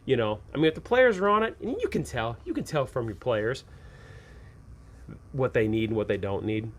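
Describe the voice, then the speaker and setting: This game master advice host has a mid-range voice with big pitch swings and a moderate pace. He talks to viewers informally about running tabletop games, sounding emphatic and often repeating what he has said.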